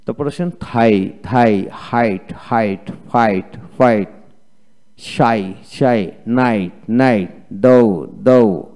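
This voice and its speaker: A man's voice: fairly low pitch, very slow, a little mellow. A man with a Bengali accent teaching English pronunciation, reading word lists and repeating each word twice. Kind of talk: slow drill-style vocabulary lesson.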